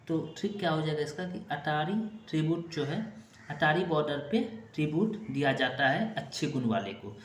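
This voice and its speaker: A man teaching an exam-prep vocabulary lesson, repeating memory tricks over and over and checking in with short asides. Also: fairly high pitch. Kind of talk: classroom-style vocabulary lesson. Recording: echoey room with clear background noise.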